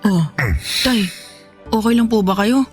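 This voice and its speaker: A performer voices a poor young boy, an anxious and devoted son, in the style of Filipino radio drama, pleading with his father respectfully. The mood is worried and tender. The mid-range voice is a little mellow and close to an everyday voice, with a measured pace and faint music behind it.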